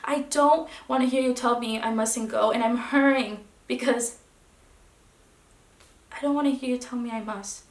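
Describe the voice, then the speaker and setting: Dignified departing wife, played by a woman, stage monologue, higher voice, restrained delivery, roomy echo. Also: normal speed, natural voice. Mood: anguished. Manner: restrained, dropping to hushed tones, then rising. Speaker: actor. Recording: echoey room.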